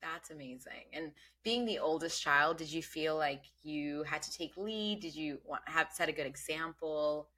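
A Bangladeshi woman, not an English speaker, leads a casual podcast interview; her questions are warm and curious, with lots of fillers, ums and restarts. She speaks in a low voice at a moderate pace with few pauses.

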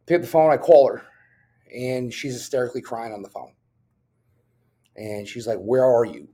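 A man's voice: medium pitch, moderate pace, dark tone. A police officer from New Jersey, a man, talking as a podcast guest and telling his own story candidly, bluntly, swearing often and filling with "um". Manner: blunt and profane, with frequent fillers.

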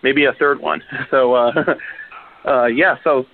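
A man in his twenties calling in to a radio show over the phone, chatty and quick to laugh. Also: medium pitch, fairly even intonation, creaky. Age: 20s. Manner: chatty, laughs often, hedges with "you know" and "um". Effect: phone line on a radio show. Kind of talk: casual call-in chat. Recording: tinny phone line on the radio.

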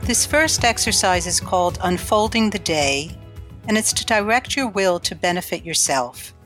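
A woman giving guided imagery exercises in a calm, measured, instructional way. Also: medium pitch, soft background music.

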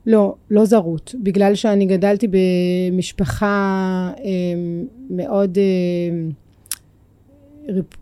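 A woman's voice: lowish voice, little pitch movement, warm tone, smooth, no echo. A woman from France with a French accent in Hebrew, a native French speaker, talking reflectively as a podcast guest and searching for her words. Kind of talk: reflective personal interview.

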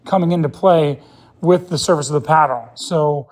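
A man in his fifties, with a somewhat high, slightly mellow voice, talks at normal speed. He's a pickleball player appearing as a guest in a casual sports interview, thinking aloud in an earnest, opinionated way.

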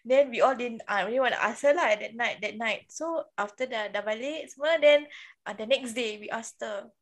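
A woman with a Singaporean accent co-hosting a podcast in casual, animated Singlish, mixing in Malay words and particles. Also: fairly high pitch, moderate pace. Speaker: podcast co-host. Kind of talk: casual chat.

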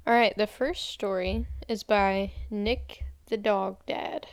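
A young woman co-hosts a podcast, chatting casually and reading creepy stories aloud in a plain storytelling voice, with occasional giggles. Her voice is mid-range with fairly even intonation, slow, in a dry recording.

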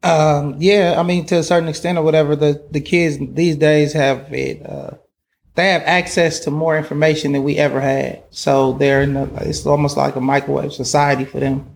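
A man's voice: fairly high pitch, little pitch movement, normal speed, creaky, a little hiss or hum. A man in his thirties from Oakland, a podcast guest, talking in a casual, streetwise way with many fillers. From Oakland, California. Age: 30s. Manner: streetwise, lots of "like" and "you know what I'm saying".

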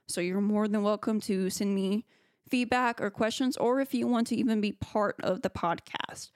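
A woman's voice: medium pitch, dry recording, studio quality. Earnest woman hosting a solo podcast. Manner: earnest, frequent ums and restarts. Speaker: podcast host and photographer.

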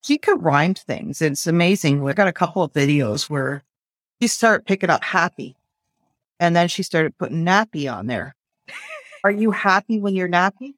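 A woman's voice: fairly low pitch, very animated, normal speed, dry recording, studio quality. A woman who owns a parrot, rambling and thinking aloud in a casual group conversation. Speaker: parrot owner.

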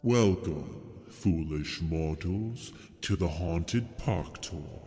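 A man playing a sardonic ghostly male tour host, narrating a theme-park ride in a slow, ominous, mocking way with sinister chuckles. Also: deep voice. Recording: loud music bed behind voice.

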